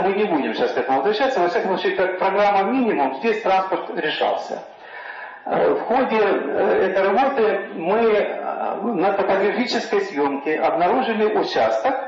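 A man presenting project slides at a council meeting as an architect, in a halting, explanatory way. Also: sits high. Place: meeting room, recorded on a dictaphone. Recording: very echoey, muffled dictaphone recording.

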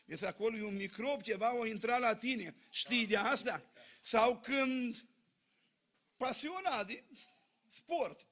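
High-voiced man preaching in church. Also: long pauses. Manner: folksy, animated storytelling to a congregation. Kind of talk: sermon.

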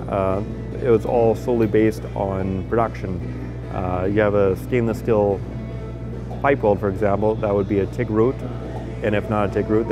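In a large indoor fabrication shop, a Canadian man with a fairly low voice talks through a welding process step by step, unscripted, with fillers and restarts. He's recorded on a handheld or lapel mic, the audio sounds dull, and music plays beneath his voice.

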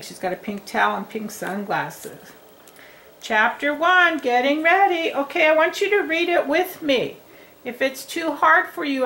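A woman reading teacher giving a lesson to young children at a tabletop, speaking in a slow, encouraging way and sounding words out. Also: on the high side, fairly bright tone. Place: indoors at a tabletop.

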